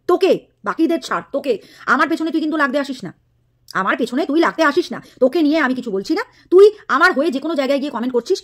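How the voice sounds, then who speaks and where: A woman's voice: high voice, a bit bright. A woman, a vlogger ranting to the camera in a scolding, mocking tone. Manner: scolding, mocking, insulting a rival. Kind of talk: angry direct-to-camera rant.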